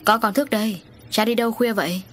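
A woman's voice: on the high side, steady tone, quick pace, a little hiss or hum, close to an everyday voice. A woman voicing a timid young man who stammers nervously, in a storybook reading.

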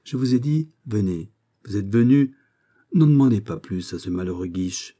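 Wounded young nobleman, gentle and evasive, read by a man, low dark voice. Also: animated, moderate pace. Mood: soothing. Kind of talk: audiobook reading.

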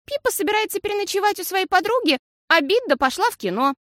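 A mischievous little girl from a storybook, chattering in a very high, bouncy voice full of tease, as a woman puts her on. Her pitch leaps about, and the sound is close and dry. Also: big pitch swings, no echo, heavily acted. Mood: cheeky. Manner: bright, fast, teasing chatter.

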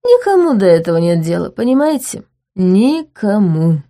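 A woman's voice: mid-range voice, very animated, normal speed, warm tone. Drunk young crown prince, woman doing the voice, slurred mocking drawl, storybook.

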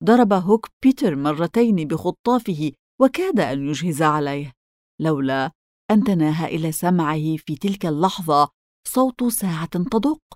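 A woman reads a storybook aloud in a steady, expressive voice. Her voice sits somewhat low for a woman. The recording is dry and close, with no room sound. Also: moderate pace, no room sound. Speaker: audiobook narrator. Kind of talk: storybook narration.

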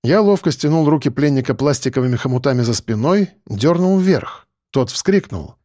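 A man's voice: mid-range voice, lively intonation, moderate pace, warm tone, no echo. A man reading a first-person crime story aloud in a dry, wry tone. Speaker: audiobook narrator. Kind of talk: first-person audiobook narration.

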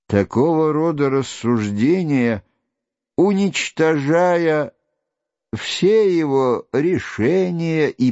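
Slow, measured male audiobook reader. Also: dry recording, muffled recording. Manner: slow, measured reading, voicing quoted shouts louder and higher. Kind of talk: scripted literary narration.

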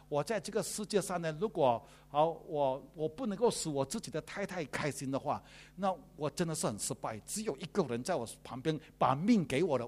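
A man, a pastor preaching a sermon in a lively, joking way. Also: fairly high pitch.

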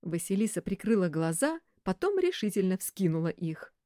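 A woman's voice: mid-range voice, normal speed, no room sound, studio quality. Woman narrating an audiobook expressively. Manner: expressive storytelling.

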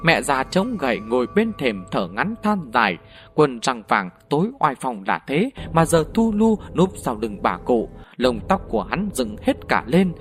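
A man narrating a ghost story audiobook in an animated, vivid way. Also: mid-range voice, a little slow, faint music behind.

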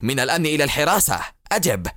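A man voicing an arrogant, angry male enemy officer, speaking sharply, loudly and impatiently. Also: on the high side, very animated, racing, no echo, studio quality.

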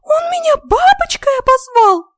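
A woman voicing a touchy, shrill little female fairy in an audiobook, with squealing, indignant outbursts. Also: sing-song, measured pace, no echo, clean studio sound, heavily acted. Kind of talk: audiobook character voice.

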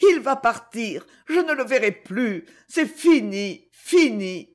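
A man's voice: very high voice, lively intonation, slow, voice pushed up, exaggerated voice. A man putting on a pious, heartbroken young woman. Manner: soft, hushed.

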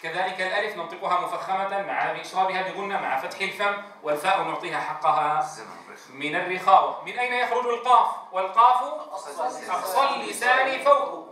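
High bright-voiced man teaching tajweed. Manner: drawn-out demonstrations of letter sounds, asks the class questions. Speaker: Quran recitation teacher. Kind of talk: tajweed lesson with call-and-response drills. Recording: echoey room, distant mic, faint noise.

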